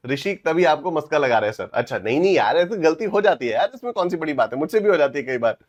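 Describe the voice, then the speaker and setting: A young man teaching a live online class, energetic and playful, teasing students and mixing in English phrases. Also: fairly high pitch, fast. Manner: mixes Hindi and English.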